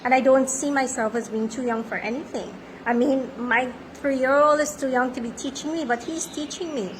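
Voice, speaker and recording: A woman in her thirties talks as a life coach in a confident, self-affirming way. Her voice sits on the high side. Clear background noise runs under the recording. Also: moderate pace, poor audio. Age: 30s. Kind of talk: motivational monologue.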